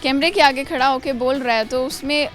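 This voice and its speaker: A woman host with a somewhat high voice chats with students on camera. She asks friendly, teasing questions in a casual way. Soft music plays faintly behind her. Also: a little fast. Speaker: street interviewer and show host.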